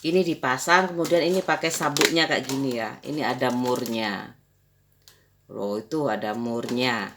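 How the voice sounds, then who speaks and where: Woman, middle-aged, rambling home vlog, laughs a lot, low voice. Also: steady tone, moderate pace, noisy background. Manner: rambling, chatty, laughs often. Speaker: vlogger. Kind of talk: casual chat vlog.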